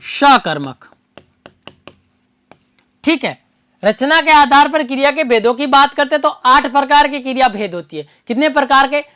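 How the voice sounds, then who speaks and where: A woman's voice: high-pitched, lively intonation, unhurried, long pauses, fairly bright tone, dry recording. A woman teaching an exam-prep grammar lesson. She asks the class questions, answers them herself, and repeats key terms for her students.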